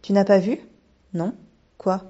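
A woman voicing a timid, gentle old male ghost in a storybook reading, with a dull lo-fi sound. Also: mid-range voice, steady tone, slow. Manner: timid, earnest. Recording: dull lo-fi recording.

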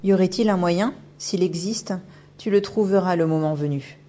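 A woman's voice: fairly low pitch, normal speed, dark tone, natural voice. Casting: woman reading a cool, commanding spirit woman who turns into an otter; slightly raised, firm, dull recording. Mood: imperious. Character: mysterious shapeshifting otter spirit woman, haughty. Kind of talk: audiobook character voice.

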